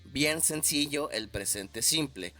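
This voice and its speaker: A man's voice: a little high, lively intonation, takes it slowly, bright, forceful tone. A man teaching an English grammar lesson, patient and encouraging, often checking in with "ok?". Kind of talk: slow explanatory lesson for Spanish speakers. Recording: dry voice with faint background music.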